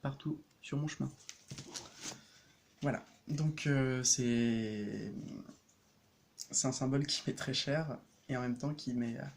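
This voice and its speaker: A man of average pitch explains his homemade rune deck in a relaxed vlog. He hesitates often, restarts his sentences and fills pauses with little chuckles. He talks as an energy practitioner sharing with his viewers. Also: a little hiss or hum.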